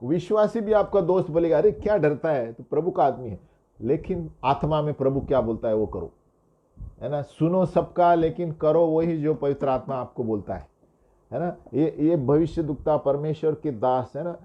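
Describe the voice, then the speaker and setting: Pastor, slightly high voice. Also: male voice, expressive, normal speed. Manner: conversational, often adds "है ना" tag questions; acts out quoted dialogue. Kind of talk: sermon teaching. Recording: dull lo-fi sound.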